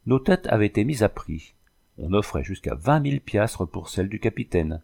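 Low gravelly man reading a storybook. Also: lively intonation, normal speed, a little mellow. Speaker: audiobook narrator. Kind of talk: storybook reading with voiced dialogue.

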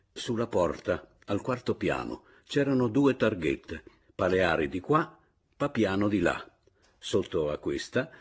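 A man narrating a literary audiobook in the first person, expressive and measured. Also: fairly low pitch, husky.

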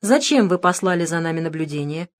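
A woman voicing a calm, sarcastic middle-aged male detective in an audiobook, speaking in a cool, mocking, unhurried way. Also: lowish voice, natural voice. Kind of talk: audiobook character reading.

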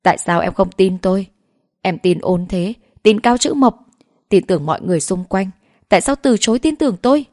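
A woman's voice: mid-range voice, expressive, brisk, a little mellow, dry recording, clean studio sound, close to an everyday voice. A woman reading the lines of a cruel, commanding young husband in a storybook narration, speaking in a harsh, clipped way. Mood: furious.

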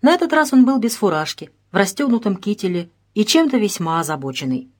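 A woman narrating a detective audiobook in a measured, expressive reading. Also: medium pitch. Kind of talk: scripted narration.

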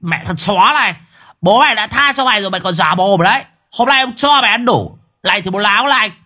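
A man voicing a violent, foul-mouthed tattooed thug who talks loud and fast. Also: high voice, lively intonation, pitched above the performer's own voice, full character voice. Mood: aggressive. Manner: loud, rapid, swearing.

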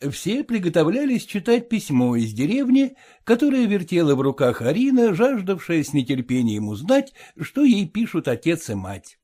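Male narrator for an audiobook story, varied intonation, mellow timbre. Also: high voice, big pitch swings, normal speed, few pauses.

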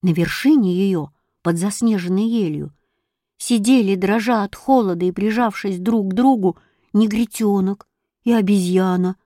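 A woman reading a children's story aloud with expressive narration. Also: mid-range voice, normal speed, no room sound, studio quality. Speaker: audiobook reader.

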